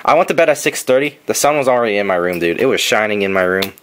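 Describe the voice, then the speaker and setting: A man's voice: fairly low pitch, expressive, fast, a bit bright. Young male host, rambling and profane, casual basement chat, faint noise. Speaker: host opening trading card packs. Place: basement room.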